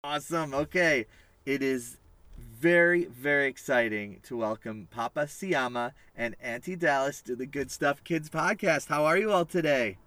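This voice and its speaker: A man's voice: mid-range voice, normal speed, pushed and bright, dry recording. A man hosting a podcast interview from his family van, chatty and upbeat with a rambling way of talking. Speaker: podcast host.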